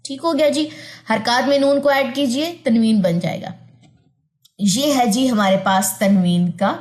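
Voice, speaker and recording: Woman teacher giving a patient, repetitive recitation lesson, with slow careful demonstrations of letter sounds. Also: on the high side, a little mellow. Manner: patient, repeats points and checks understanding with "theek hai?". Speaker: Quran tajweed teacher. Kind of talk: online tajweed lesson.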